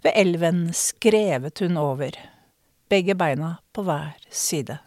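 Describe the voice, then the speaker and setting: A middle-aged woman storyteller from Norway with a somewhat low voice. She speaks in a measured, reflective way and stretches some words for effect. The recording is close and dry, with no room sound. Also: darkish tone, dry recording. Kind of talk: spoken storytelling performance.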